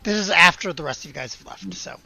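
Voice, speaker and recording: A woman acts as game master for a tabletop roleplaying game, shifting between casual talk and read-aloud narration. Her lowish voice is slightly husky and gravelly with a sharp tone, and she speaks fast with lively intonation.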